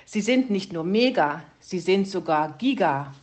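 A woman's voice: fairly low pitch, lively intonation, measured pace, darkish tone. A woman reading a storybook and voicing a small, whiny young male bird. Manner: whiny, complaining.

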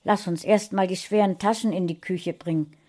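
A woman's voice: mid-range voice, steady tone, normal speed, dark tone, natural voice. A woman voicing an upset middle-aged housewife who keeps scolding her cat, in a storybook reading. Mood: chatty. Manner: scolding, exclaiming.

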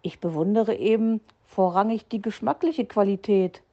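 A woman's voice: medium pitch, moderate pace, mellow, muffled recording, natural voice. A woman voicing a grumpy, nervous male fox uncle who blusters and stammers out excuses. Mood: blustering. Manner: gruff, blustering, flustered excuses.

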